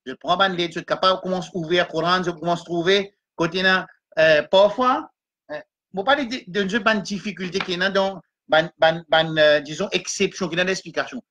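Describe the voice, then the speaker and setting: A man teaching a Quran reading class, slowly sounding out Arabic letters and vowels one by one and mixing French with English and Arabic terms. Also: high-pitched, pushed and bright. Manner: slow and repetitive, sounding out syllables one by one.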